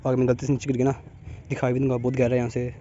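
A young man vlogging casually outdoors in a sanctuary, chatty and teasing, speaking softly because his throat is sore. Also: medium pitch, completely flat delivery, rapid-fire, muffled recording, a little hiss or hum. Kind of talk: casual vlog narration.

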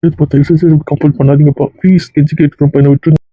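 A man's voice: on the high side, level tone, rapid-fire, no echo, lightly acted. A man playing a heartbroken young husband who pleads with his unconscious wife in hospital. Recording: phone-like dry recording.

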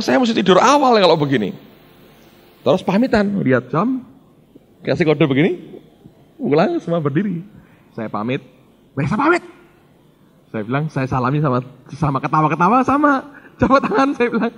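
A man's voice: fairly high pitch, sing-song, brisk, fairly bright tone, husky. A middle-aged male pastor, telling a story in a sermon and acting out the dialogue while addressing the congregation.

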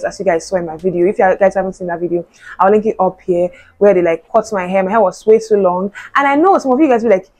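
A woman's voice: mid-range voice, darkish tone, rough recording. A young woman, a university student chatting casually to camera, full of "like" and "you know". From Nigeria. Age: young adult. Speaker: vlogger.

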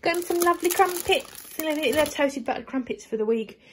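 A woman's voice: high-pitched, expressive, moderate pace, a little hiss or hum. A woman in her forties with an English accent, chatting casually through a grocery haul in her home kitchen, recorded on a phone camera held at arm's length. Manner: chatty and upbeat, many fillers and restarts. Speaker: vlogger.

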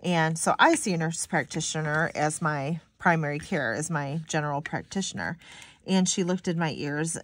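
This planner vlogger is a young woman from Michigan whose voice sits low and moves at normal speed, with a slightly nasal, stuffy sound. She rambles chattily to viewers as she decorates her planner, saying "like" a lot.

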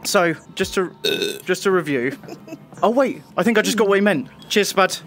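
A man's voice: high-pitched, lively intonation, normal speed, a bit bright, faint music behind. A man giving sweary, exasperated running commentary as he plays a horror game. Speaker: game streamer. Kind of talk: let's play commentary. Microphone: headset.

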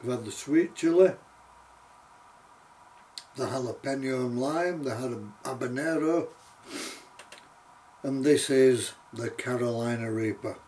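A man in his sixties giving casual, halting commentary as he eats very hot jelly beans and reacts to the heat, recorded on a distant camera mic in a small room. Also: mid-range voice, darkish tone, a little hiss or hum. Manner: halting, reacting to chilli heat between mouthfuls. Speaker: vlogger doing a tasting challenge. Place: small cluttered home office, indoors. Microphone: camera a few metres away.

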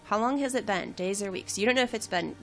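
A woman's voice: medium pitch, fast talker, a bit bright, soft background music. A woman hosting a let's play, giving casual, chatty game commentary with wry asides.

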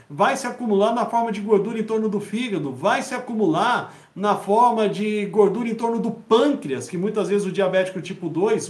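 A man in his fifties with a Brazilian accent, explaining things informally and didactically as he answers questions. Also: high-pitched. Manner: didactic, repetitive, with check-in tags. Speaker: health educator hosting a live Q&A. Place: small home study with bookshelves, indoors. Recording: echoey room.

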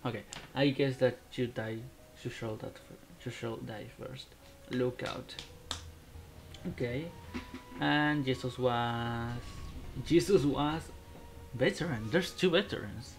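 Gravelly slow-talking man playing a game. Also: medium pitch, slight background noise. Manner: rambling, muttering, frequent restarts, bursts of laughter. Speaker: gaming YouTuber. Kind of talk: casual gameplay commentary.

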